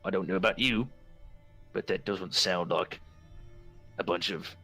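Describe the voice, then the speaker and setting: A cheeky male halfling who swears freely and says what he thinks, as a man puts him on. His voice is low and bright, and he talks plainly and crudely. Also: unhurried, slightly rough, soft background music, full character voice. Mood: blunt. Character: blunt, foul-mouthed male halfling, cheeky.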